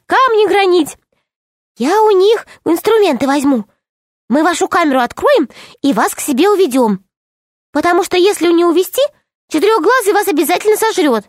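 Cast: woman doing a tiny jumpy gnome, high and squeaky, bouncing pitch. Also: dry recording, clean studio sound. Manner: squeaky, excited exclamations. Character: small frightened excitable male gnome.

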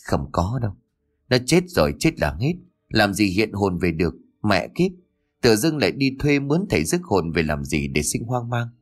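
A man voicing a stern, gruff middle-aged husband who scolds curtly and hides a cruel streak. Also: fairly low pitch, sing-song, normal speed. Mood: muttering. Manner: scolding, curt.

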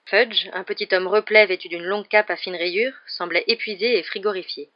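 A woman narrating a storybook in a calm, even reading manner. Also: mid-range voice, normal speed, highs cut off. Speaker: audiobook narrator. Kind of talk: scripted narration.

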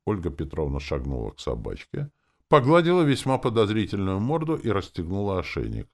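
A man narrating a first-person audiobook in a wry, expressive way. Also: sits low, fairly quick. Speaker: audiobook reader.

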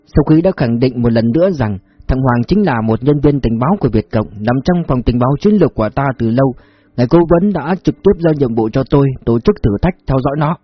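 A man reading a story, voicing a formal lieutenant colonel giving a report; husky voice. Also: medium pitch, expressive, a little fast, no room sound, lo-fi sound, soft background music.

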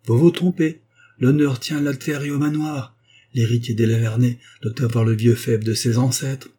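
Guy reading doing a stubborn proud old noblewoman, high and haughty, kinda husky. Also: moderate pace, dark tone. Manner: haughty, dignified.

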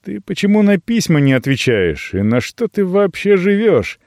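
Brief: male reader doing a gruff, hot-tempered young man, rough and scolding, lively pitch. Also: normal speed, no room sound, studio quality.

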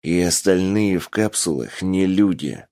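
A man's voice: low-pitched, measured pace, dark tone. A man voicing a stern male squad commander in an audiobook, giving curt, firm replies. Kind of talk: audiobook character voice.

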